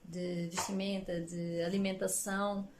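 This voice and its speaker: A woman's voice: on the low side, flat delivery, measured pace, noisy background. A woman in her late twenties answering interview questions casually, thinking aloud and listing her points. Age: 20s. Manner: thoughtful, listing points with fillers.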